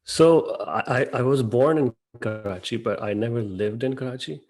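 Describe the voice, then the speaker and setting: A man's voice: medium pitch, moderate pace, a little mellow. A man in his thirties who grew up in Dubai, a podcast guest talking casually and rambling with frequent fillers. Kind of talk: podcast interview.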